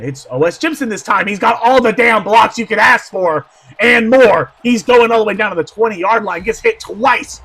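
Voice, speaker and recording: This is a high-voiced male football commentator calling the action play-by-play. He's getting hoarse, and he alternates quiet side remarks with excited yelling.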